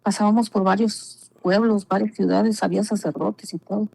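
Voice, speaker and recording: A woman's voice: mid-range voice, fairly even intonation, moderate pace, vocal fry, darkish tone, low-quality recording. A woman giving an earnest personal religious testimony, repeating herself and often calling the listener brother. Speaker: guest giving a faith testimony.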